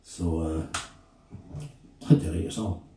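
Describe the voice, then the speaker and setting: A Scottish man, a singer-songwriter, telling a story between songs at a live gig in a slow, halting, reflective way. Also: very deep voice. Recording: echoey room, distant mic, guitar behind.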